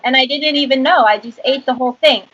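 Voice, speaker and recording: Female guest, high voice, self-deprecating rambler, muffled line. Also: quick pace, fairly bright tone, slightly rough. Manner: rambling, self-mocking storytelling. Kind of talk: casual chat.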